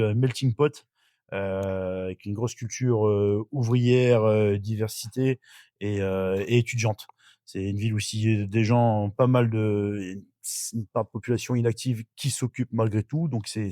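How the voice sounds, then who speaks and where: In studio-quality sound with no room reverberation, a middle-aged northern French man speaks in a fairly low, mellow voice. He's a podcast guest casually telling his life story, full of fillers and false starts.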